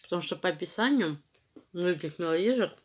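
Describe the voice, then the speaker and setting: A woman with a slightly low voice talks through a mouthful of chalk she is chewing. She picks her words slowly, searching for how to describe the taste and texture. It sounds like casual talk into a phone at home. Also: expressive. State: chewing chalk while talking. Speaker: mukbang vlogger. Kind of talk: casual tasting commentary.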